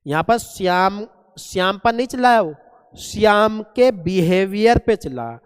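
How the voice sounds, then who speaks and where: A man teaching a classroom vocabulary lesson, asking questions and answering them himself, spelling words letter by letter and reading English examples very slowly. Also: high-pitched, animated, clean tone, big-room sound. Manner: asks and answers his own questions, calls students "beta".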